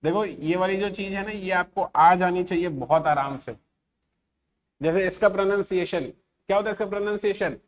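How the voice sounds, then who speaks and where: Teaching English grammar for an exam, a high-voiced man enunciates letters and words slowly. He frequently stops to make sure the students keep up.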